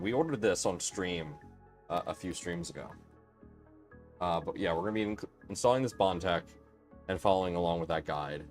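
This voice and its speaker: Young man, low-pitched voice, rambling casual stream chat, faint music behind. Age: 20s. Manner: rambling, chatty, many fillers and restarts. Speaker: live stream host.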